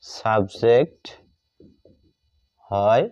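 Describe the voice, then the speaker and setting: Speaking extremely slowly, the teacher uses a lowish, clean and slightly mellow voice to spell out words and repeat phrases as he writes grammar examples. He has a Bengali accent. The classroom recording is dull and lo-fi, free of room sound.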